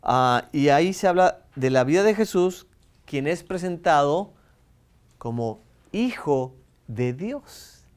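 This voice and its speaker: A man teaching a lesson on the Bible, explaining step by step, asking his listeners quick questions and often repeating words as he talks. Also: a little high, a little mellow, clean tone. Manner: asks the audience rhetorical questions.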